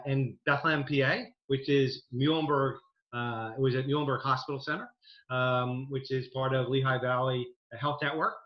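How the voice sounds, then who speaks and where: A man in his fifties from New Jersey, a dental program director, telling his story earnestly over a video call with many fillers. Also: mid-range voice. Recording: echoey, dull video-call audio.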